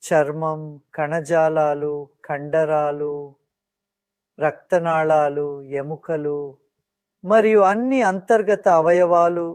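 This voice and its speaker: Soothing and calm, a meditation guide speaks at mid-range pitch, delivering guidance in measured phrases with pauses in between. Captured close and dry with minimal room echo, the voice has a clean tone.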